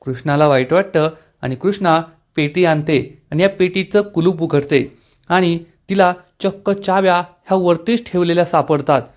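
Man, episode recap narration, steady storytelling, fairly high voice. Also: normal speed. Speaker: serial episode reviewer.

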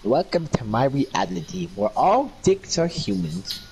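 A man telling crude deadpan jokes in casual gaming voice chat over a headset. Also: fairly high pitch, unhurried. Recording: noisy online voice chat.

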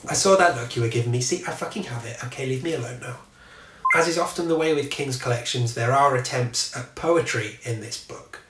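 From a small home office, a man in his thirties talks casually to camera about a book, wry and chatty, and swears whenever a vehicle goes by. His voice is medium-pitched and fairly quick, recorded from afar in an echoey room with a noisy background.

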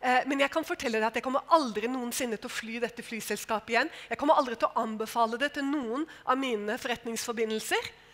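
A woman's voice: fairly high pitch, fairly bright tone, lightly acted. A woman preacher voicing an indignant male businessman lodging a formal complaint on a plane.

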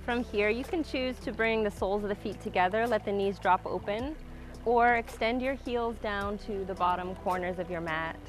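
Calm woman guiding a grounding breath exercise. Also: mid-range voice, normal speed, faint music behind. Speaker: yoga instructor. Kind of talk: guided slow-flow yoga class. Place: outdoor waterside wooden deck.

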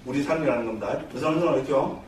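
Lively monk lecturing in an echoey hall. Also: male voice, mid-range voice, rapid-fire, recorded from a distance, slight background noise. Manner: lively, checks in constantly with rhetorical questions. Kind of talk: dharma lecture. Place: temple education hall.

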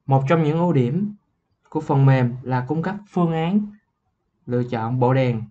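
A young man, a student, explaining software in a class report, halting at times and clearing his throat. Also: medium pitch, muffled recording. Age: young adult. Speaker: student presenter.

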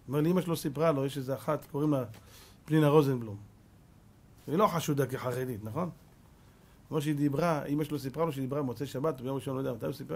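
A man in his fifties delivers a Torah sermon as a rabbi, firing rhetorical questions at his listeners. His voice is husky and sits a little high. He scolds and swings between hushed asides and emphatic lines. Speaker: rabbi giving a lecture.

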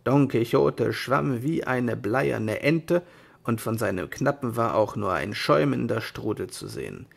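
A man reading an old fairy tale aloud in a measured storybook manner. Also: mid-range voice, lively intonation, creaky.

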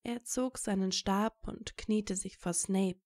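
A woman reading fan fiction aloud as narrator, telling the story in a steady, even way. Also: mid-range voice, slow.

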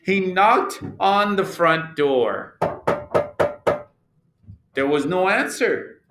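Teacher reading aloud to kids, unhurried and expressive, roomy echo. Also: male voice, high voice, very noisy. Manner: slow, animated storytelling. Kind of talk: expressive children's read-aloud. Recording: echoey room.

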